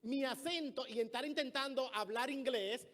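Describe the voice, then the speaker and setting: Preaching in a church with a long, reverberant echo, this Dominican pastor has a very high, fairly bright voice and a Dominican Spanish accent. He moves at a moderate pace, weaving stories into his sermon and playing the characters he quotes.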